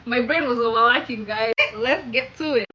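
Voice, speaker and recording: A woman with a Kenyan accent, hosting a casual vlog and chatting to the camera with lively, emphatic jumps in her voice. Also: fairly high pitch, moderate pace, lo-fi sound. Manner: animated, expressive, with sudden emphatic jumps. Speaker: vlogger host.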